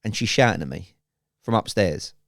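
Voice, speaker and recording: A man's voice: on the low side, lively intonation, normal speed, creaky, fairly bright tone, no room sound, clean studio sound. A man co-hosting a podcast in casual chat, teasing and laughing often. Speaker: podcast co-host.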